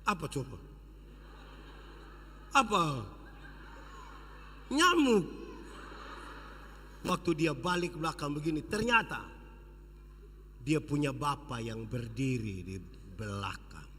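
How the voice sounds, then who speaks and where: High, bright-voiced preacher with a Sumba accent. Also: male voice, very animated, slow pace, pauses often, slight background noise. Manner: dramatic, swings from shouting to hushed. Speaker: pastor. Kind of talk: revival sermon storytelling. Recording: long church hall reverb.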